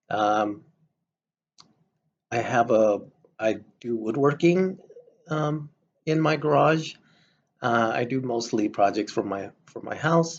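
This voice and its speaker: A middle-aged man from El Salvador, giving a measured, hesitant self-introduction for a class, with frequent ums. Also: fairly low pitch, creaky, husky, muffled recording. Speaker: college student.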